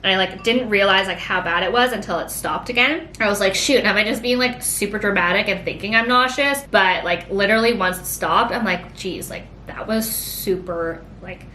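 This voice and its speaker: A woman's voice: normal speed, few pauses, pushed and bright. A woman in her late twenties chatting casually through a pregnancy Q&A, rambling and filling her sentences with "like". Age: late 20s. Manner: rambling, heavy use of "like". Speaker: vlogger. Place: home. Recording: echoey room, faint rumble.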